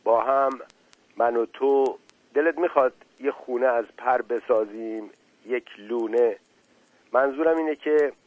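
A man voicing a shy, gentle young male sparrow in a storybook reading, speaking tenderly and hesitantly as he searches for words. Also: medium pitch, dry recording, narrow, tinny audio, natural voice. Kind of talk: storybook character voice.

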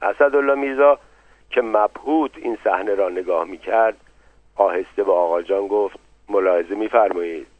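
A man's voice: on the low side, no echo. Man narrating an audiobook, phone-thin. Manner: measured storytelling. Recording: narrow phone-like dry recording.

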